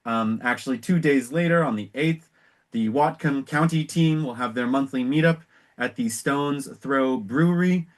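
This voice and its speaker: An American man with a medium-pitched voice leads an organizational meeting. He explains things informally in measured phrases, pausing and trailing off now and then as he presents. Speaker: executive director hosting an organization meeting.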